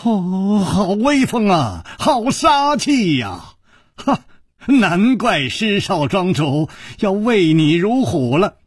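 A male storyteller playing a carefree, suave young swordsman hero with a light, teasing, unhurried drawl. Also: high-pitched, very animated, darkish tone, breathy edge, no room sound, studio quality, heavily acted. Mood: playful teasing. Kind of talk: traditional storytelling performance.

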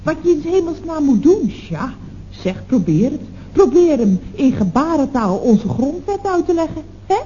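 An actress playing a chatty, gossiping office secretary in a 1960s radio comedy, exclaiming down the telephone. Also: female voice, high voice, big pitch swings, normal speed, dark tone. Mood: gossipy. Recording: dull old radio recording with faint hiss.

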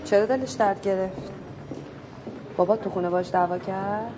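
An actress playing a gentle schoolteacher who coaxes a child with soft questions. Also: female voice, mid-range voice, fairly even intonation, background noise, lightly acted. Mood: coaxing.

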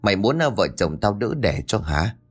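A man's voice: fairly low pitch, big pitch swings, normal speed, breathy edge. A man voicing a fearful, pious old village wife who speaks in an anxious, trembling way.

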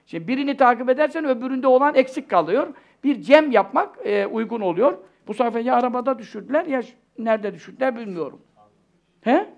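An older man delivers an informal religious lecture in a high, gravelly voice. He rambles conversationally, breaking off into asides and putting rhetorical questions to his listeners. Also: highs cut off. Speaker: preacher.

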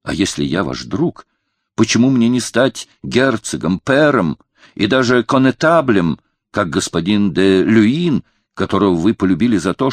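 A man's voice: lowish voice, no echo. A man voicing a proud, hot-tempered young courtier who speaks with passion and defiance. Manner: impassioned, defiant.

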